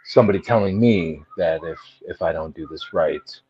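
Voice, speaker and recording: A man's voice: low voice, moderate pace, a little mellow. A man co-hosting a casual podcast discussion, hesitant, with restarts and frequent "you know". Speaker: podcast co-host. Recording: dull lo-fi audio.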